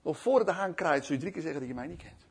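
Man voicing a calm male teacher, gently warning. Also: fairly high pitch, quick pace, creaky, breathy edge, full character voice. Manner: plain, matter-of-fact warning. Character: calm, knowing male teacher foretelling betrayal.

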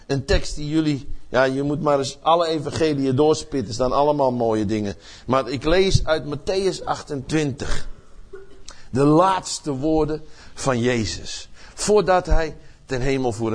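An older man preaching a sermon with passion, swinging from loud outbursts to hushed words and often repeating words as he searches for phrasing. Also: fairly high pitch. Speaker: pastor.

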